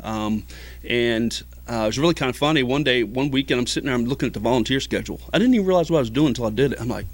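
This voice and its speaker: A man's voice: mid-range voice, expressive, very fast, no echo. A middle-aged man, a ski patroller, telling stories in a casual interview, rambling with many fillers. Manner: rambling, many fillers, acts out quoted voices. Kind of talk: casual storytelling.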